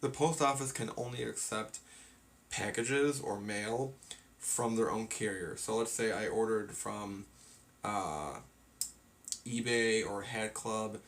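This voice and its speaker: A man's voice: lowish voice, takes it slowly, fairly bright tone. A man casually chatting on a live stream, sleepy and yawning, rambling through his plans with lots of fillers. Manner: rambling, filler-heavy, tired.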